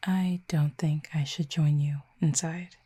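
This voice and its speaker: A woman with a low, soft, breathy, hushed voice performs an intimate audio roleplay as a cupid, calm, reserved and quietly fond, speaking gently in measured, formal phrases laced with light teasing.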